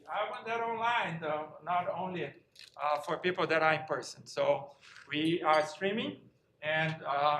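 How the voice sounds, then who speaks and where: A man, a faculty member, introducing a speaker in a halting way with many fillers. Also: fairly high pitch, a bit bright, slight background noise. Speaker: faculty member and program director. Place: lecture room. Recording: echoey lecture hall.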